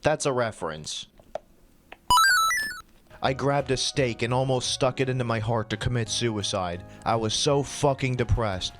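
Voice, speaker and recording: A man's voice: medium pitch, measured pace, over loud music. A man hosting his channel, reading fan fiction aloud with swearing and exasperated asides. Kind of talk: comedic dramatic reading.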